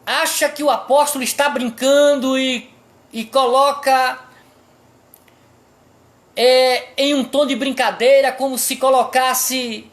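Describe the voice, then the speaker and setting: A Brazilian-accented pastor with a high-sitting voice preaches a sermon, posing rhetorical questions to the congregation and pressing each point emphatically.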